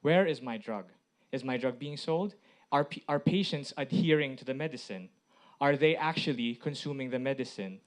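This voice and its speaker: A man's voice: mid-range voice, normal speed. A man from the Philippines giving a public presentation in short phrases, often posing rhetorical questions. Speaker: IT director presenting as a speaker.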